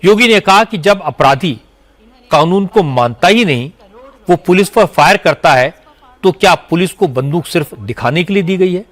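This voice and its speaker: A man's voice: high-pitched, lively intonation, fairly bright tone. Man reading a Hindi news report. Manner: measured formal reporting. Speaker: news anchor. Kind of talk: scripted news narration.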